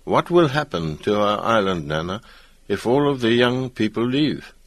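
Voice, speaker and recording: A man's voice: fairly low pitch, animated, normal speed, no echo, close to an everyday voice. A man voicing a worried young island boy in a storybook reading. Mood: sad. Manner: urgent.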